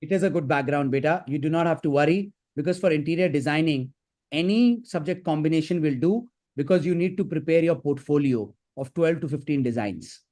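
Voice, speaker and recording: A man with an Indian accent giving live career advice as a counsellor, in a brisk, instructive and emphatic manner. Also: on the high side, animated, mellow. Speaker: career counsellor hosting a session. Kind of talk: live advisory session.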